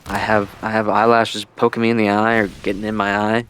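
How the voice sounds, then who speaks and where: A video creator and streamer with a lowish, slightly bright voice rambles through casual, laid-back gaming vlog commentary, talking a little fast with flat delivery. He uses a headset-style mic with a deliberately old-school sound, and there's a little hiss or hum.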